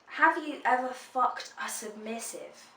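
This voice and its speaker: Slightly high and a little slow, her voice sounds pushed and bright as this twenties vlogger fields viewer questions candidly and curses freely. There's slight background noise, a roomy echo, and she sits a bit far from the mic.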